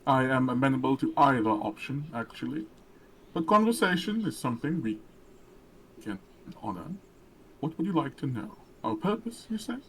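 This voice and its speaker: A man's voice: medium pitch, lively intonation, moderate pace, a little hiss or hum, lightly acted, rough recording. A man voicing a haughty, commanding female knight who speaks in formal, scornful tones. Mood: cool.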